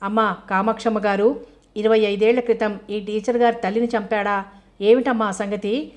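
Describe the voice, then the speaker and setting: A woman's voice: medium pitch, steady tone, normal speed, lightly acted. A woman voicing a polite village president who asks puzzled questions in an audio novel.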